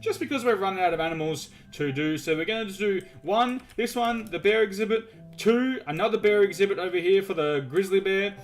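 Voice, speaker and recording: A man's voice: sits high, a little fast, few pauses, faint music behind. A man hosting a casual gaming video, narrating his building as he goes in a chatty, rambling way with many restarts. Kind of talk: casual gameplay commentary.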